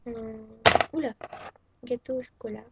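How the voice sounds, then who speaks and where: A woman's voice: a little high, steady tone, measured pace, vocal fry, dark tone, husky. A teenage girl from France chatting casually and hesitantly at home, showing off her crafts to a webcam. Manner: chatty and hesitant, many fillers. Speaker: craft vlogger. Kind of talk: casual show-and-tell. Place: at home, indoors. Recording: dull lo-fi webcam audio. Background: faint vacuum cleaner.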